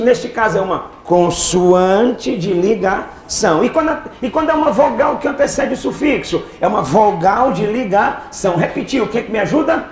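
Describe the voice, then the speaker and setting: A high-pitched man leads a lively exam-prep class. He keeps asking the students questions and answering them himself. An echoey hall carries his voice, with faint noise behind it. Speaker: teacher.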